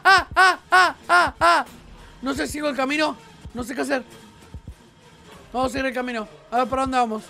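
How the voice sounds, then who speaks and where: A woman with an Argentine accent, a gaming YouTuber doing let's play commentary, excitable, often shrieking and laughing, with a sore throat. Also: high voice, creaky. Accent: Argentine Spanish.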